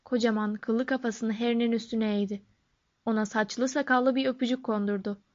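A woman narrating an audiobook in a steady, expressive reading voice. Her pitch is fairly high, and the recording sounds dull and lo-fi. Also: normal speed.

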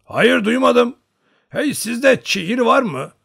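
A man putting on a booming old Cossack hunter. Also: animated, takes it slowly, creaky, slightly rough, heavily acted. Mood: jovial pleading. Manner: loud hearty shouting. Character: huge bearded old male Cossack hunter, booming and jovial.

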